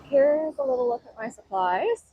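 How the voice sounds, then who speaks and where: Woman painter, high-ish voice, chatty step-by-step talk, tin-can sound from a muffled noise-canceling mic. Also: huge pitch swings, normal speed, vocal fry. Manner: chatty, explains each step as she goes. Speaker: painter demonstrating outdoors. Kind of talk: casual painting tutorial. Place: outdoors by a waterfall. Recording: dull tin-can mic, faint outdoor ambience.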